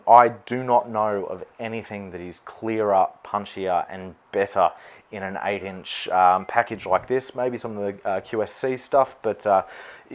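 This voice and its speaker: A low-voiced Australian wedding celebrant presents his gear to camera in an unscripted product explainer. He keeps it informal and conversational, with a bit of swearing.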